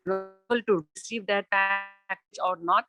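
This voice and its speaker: A woman's voice: mid-range voice, steady tone, sharp tone, faint music behind. Woman breaking up on a bad video call. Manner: halting, repeats words and asks if she is heard. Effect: breaking up on a bad video call connection. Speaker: panelist on a webinar.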